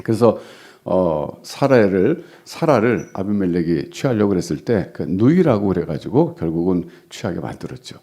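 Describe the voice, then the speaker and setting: A man's voice: low-pitched, sing-song, moderate pace, mellow. A middle-aged male pastor preaching a sermon in a conversational way, acting out quoted lines with rising emphasis.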